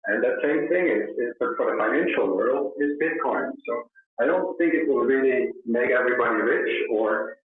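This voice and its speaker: Man, on speakerphone, casual chat, halting, mid-pitched, heavy room echo, thin phone-line sound. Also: lively intonation. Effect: on speakerphone, echoey phone audio. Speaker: participant in a live audio chat room. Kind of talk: casual discussion. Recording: echoey, tinny speakerphone line.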